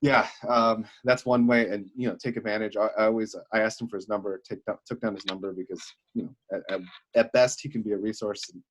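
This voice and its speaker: Young man, husky and low, chatty co-host voice full of fillers. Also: fairly even intonation, fast. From Wisconsin. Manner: chatty storyteller, many fillers. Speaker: podcast co-host. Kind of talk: casual chat.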